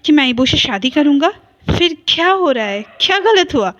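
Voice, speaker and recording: A woman's voice: high voice, sing-song, normal speed, a bit bright, muffled recording. A woman voicing a heartbroken young man who pleads in a broken voice. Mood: pleading.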